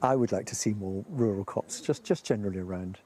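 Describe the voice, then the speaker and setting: A man's voice: lowish voice, fairly quick, mellow, a little hiss or hum. A man with a New Zealand accent, a farmer talking casually in an interview.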